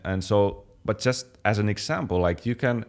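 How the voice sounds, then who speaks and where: A young man from Finland chatting casually as a fitness channel co-host, relaxed, with many fillers and restarts. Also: lowish voice, normal speed. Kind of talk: casual chat.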